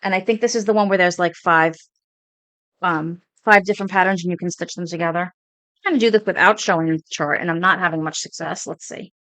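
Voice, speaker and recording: A woman's voice: fairly low pitch, fairly quick, fairly bright tone, no room sound. A woman in her forties with a Brooklyn accent, chatting casually and a little rambling as she shows her cross stitch projects on her home video channel. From Brooklyn, New York. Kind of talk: casual show-and-tell chat.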